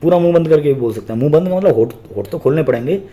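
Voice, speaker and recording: A man's voice: fairly high pitch, expressive, racing, warm tone. A man teaching an exam-prep grammar lesson, explaining step by step, asking and answering his own questions and repeating key terms.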